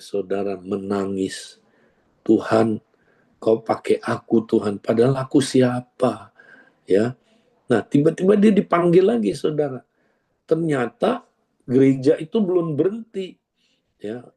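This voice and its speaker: A man preaching, his voice warm and mellow at a middle pitch. He tells the story in an animated way, acting out each character and turning again and again to the congregation. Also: slightly rough. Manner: animated storytelling, acts out dialogue, constantly addresses listeners. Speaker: pastor. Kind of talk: sermon storytelling.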